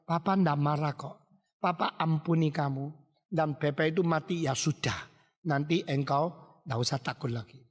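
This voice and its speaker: A man's voice: very high voice, a little slow, long pauses, sharp tone, voice pushed up, heavily acted. A man voicing a kind, forgiving father who soothes and reassures his son, in a reverberant hall. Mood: gentle.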